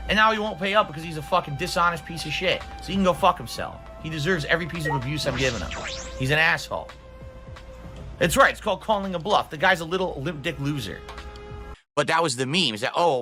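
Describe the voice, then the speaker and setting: A man's voice: a little high, sharp tone. A man talking bluntly and combatively as a streamer, in casual livestream talk. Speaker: video game streamer.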